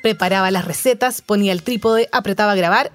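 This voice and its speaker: A young Chilean woman with a Chilean accent, calmly narrating her own life story in a scripted, reflective way. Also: mid-range voice, quick pace, slight background noise. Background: music under the voice.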